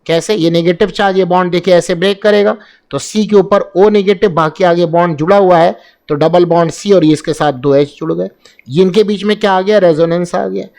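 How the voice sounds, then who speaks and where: A man with a high voice explains chemical reactions step by step for exam preparation. He keeps asking rhetorical questions and answers them himself. He repeats the key terms to drive them home. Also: fairly even intonation, fairly quick, vocal fry, darkish tone. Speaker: chemistry teacher.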